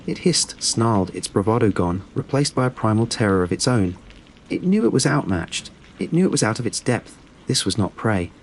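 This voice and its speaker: A man reading a scripted horror story in a steady, measured storytelling delivery. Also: lowish voice, a little hiss or hum, low-quality recording. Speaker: narrator.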